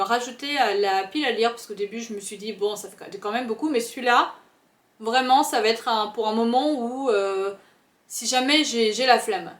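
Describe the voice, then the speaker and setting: A woman's voice: on the high side, reverberant. A chatty young woman, talking casually about books, full of fillers. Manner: chatty, animated, many fillers. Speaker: book vlogger. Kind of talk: casual chat.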